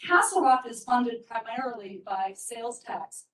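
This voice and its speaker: A woman giving an earnest, emotional public comment at a county meeting, speaking haltingly. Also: fairly high pitch, lively intonation. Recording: roomy hall, far from the mic.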